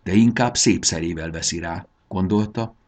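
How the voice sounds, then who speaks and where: A man narrating a children's storybook in an expressive storytelling manner. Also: low-pitched.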